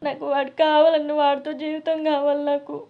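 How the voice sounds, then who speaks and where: A woman's voice: high voice, completely flat delivery, fairly quick, lo-fi sound. A young woman crying and pleading in a tearful voice. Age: young adult.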